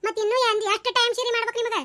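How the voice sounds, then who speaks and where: A woman's voice: very high-pitched, level tone, rapid-fire, pushed and bright. A woman voicing a cheeky, sarcastic young village daughter-in-law in a cartoon comedy, with a North Karnataka Kannada accent. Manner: argumentative, sarcastic back-talk.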